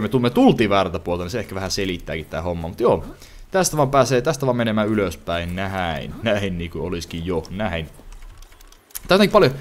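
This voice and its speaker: A young man hosts a casual gaming session, narrating each find as it happens. His voice sits fairly low, but his pitch jumps around a lot. He rambles and often restarts his sentences midway. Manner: lively, rambling, thinks aloud with frequent restarts. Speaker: gaming channel host. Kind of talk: let's play commentary.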